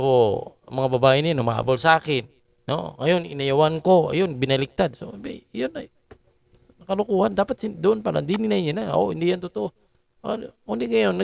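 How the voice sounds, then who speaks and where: A man's voice: on the high side, gravelly, a little mellow. A man giving rambling, opinionated political commentary and often ending phrases with a questioning tag.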